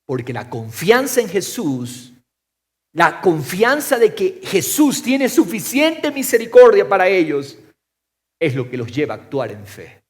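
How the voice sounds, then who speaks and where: A man preaching a sermon as pastor, firing off rhetorical questions and swinging from loud to soft. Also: sits high, huge pitch swings, unhurried. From Ecuador.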